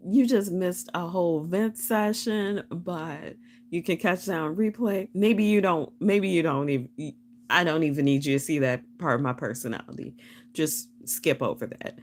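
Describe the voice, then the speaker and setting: A woman's voice: lowish voice, normal speed, a little hiss or hum. A young woman hosting a casual live stream, chatting and rambling with frequent laughs.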